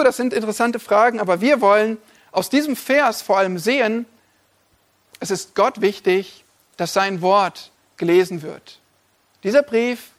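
A male pastor preaching a sermon, addressing listeners directly with emphatic, repeated lists. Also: high-pitched.

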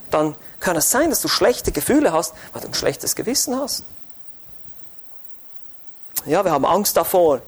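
A man preaching an expository sermon in church, fervent and rising to urgent exhortation. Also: high voice.

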